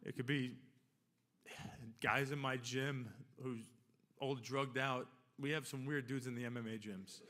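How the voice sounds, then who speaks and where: Standing at a podium microphone in a ceremony hall, a Long Island, New York man in his 40s accepts his hall of fame induction. His voice is bright and forward, medium in pitch, steady, and unhurried. The speech wanders, turning from humor to heartfelt sincerity and back.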